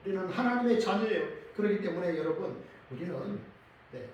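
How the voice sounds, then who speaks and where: A man's voice: high-pitched, brisk, highs cut off, a little hiss or hum. A male pastor preaching a sermon, earnest and speaking straight to his congregation in a church. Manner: earnest, addresses the congregation directly. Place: church sanctuary. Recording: echoey church from far off.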